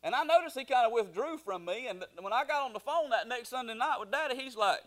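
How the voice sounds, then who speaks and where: A man's voice: very high voice, expressive, fast talker, a bit bright. Folksy preacher, man. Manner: folksy storytelling with many fillers and restarts. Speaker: pastor. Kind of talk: sermon.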